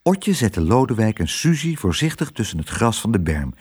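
A man reading a children's storybook aloud, expressive and switching voices for each character. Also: on the low side, normal speed, husky. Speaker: narrator.

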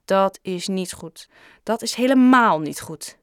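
A woman voicing a kind, gentle grown-up shopkeeper in an audiobook, coaxing and caring. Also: medium pitch, a little slow, clean tone, no room sound, studio quality. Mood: concerned. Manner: gentle, coaxing, sometimes lively. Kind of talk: audiobook character reading.

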